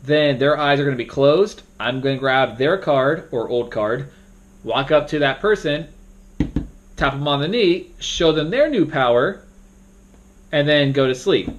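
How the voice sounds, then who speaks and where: Young man, casual game tutorial, slightly high-pitched, rambling, bursts of acted-out announcements. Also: unhurried, highs cut off, slight background noise. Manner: rambling, acts out the moderator's announcements with sudden loud jumps. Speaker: game moderator teaching a tutorial. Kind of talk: casual instructional talk.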